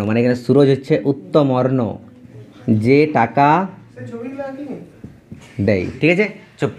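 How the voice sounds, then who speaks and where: A man from teaches a math class, and his voice sits a little higher than most men's. He speaks straight to his students, going over each key term again and again. He keeps asking them questions and then answering them himself. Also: a little mellow.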